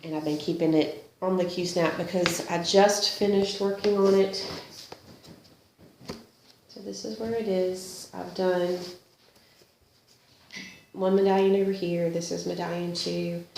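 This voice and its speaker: A woman with a slight cold shows and tells about her cross-stitch projects in a casual chat, sniffling, laughing frequently, and teasing herself. Her voice is lowish, creaky, and steady, and she keeps a measured pace; the echoey room has a little background noise.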